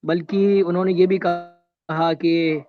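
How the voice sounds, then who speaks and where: A man's voice: high-pitched, flat delivery, narrow, tinny audio, music in the background. A man speaking as a remote guest in a discussion, his voice cutting out in dropouts on the line. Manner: firm, lecturing, cites scripture. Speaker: guest debating a religious claim.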